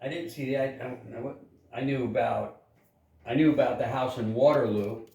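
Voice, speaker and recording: A man's voice: medium pitch, fairly even intonation, brisk, vocal fry, a little mellow. A man asking questions in casual conversation, repeating himself to check details. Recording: echoey room, distant mic.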